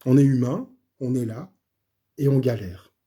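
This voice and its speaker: A middle-aged man recounts his faith journey in a loose, halting way, often restarting and dropping in fillers. His mid-range voice is dark in tone and slightly hoarse.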